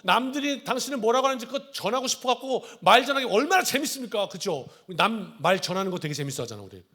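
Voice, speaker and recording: Male pastor in church, animated sermon delivery with a high, lively voice, slips into character voices. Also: fast. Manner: animated, acts out dialogue in shifting voices. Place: church sanctuary.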